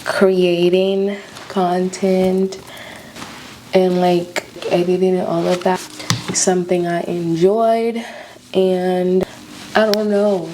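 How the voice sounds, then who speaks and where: A woman's voice: lowish voice, noisy background. A woman in her early twenties with an American accent and a slight lisp, chatting casually to viewers as she vlogs. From Florida, United States. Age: early 20s. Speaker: YouTuber, beauty vlogger. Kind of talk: casual chatty vlog while doing makeup.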